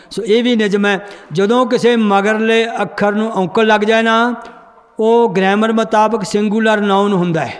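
A man's voice: high-pitched, in a large hall. A man teaching a group how to read and understand scripture, quizzing the class and then answering himself. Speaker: Gurbani grammar teacher.

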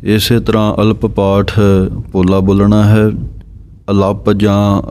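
A man giving a pronunciation lesson on scripture, reciting verses slowly and deliberately and spelling out letters and vowel marks. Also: on the low side, monotone, darkish tone, slight background noise.

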